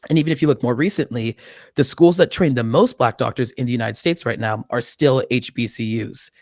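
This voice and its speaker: A man's voice: mid-range voice, brisk, a little mellow, no room sound. A young man in his twenties, a medical student, talking on a video call through a studio mic. He explains things earnestly and laughs often. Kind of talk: casual interview by video call. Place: small indoor room. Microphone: studio mic with headphones on video call.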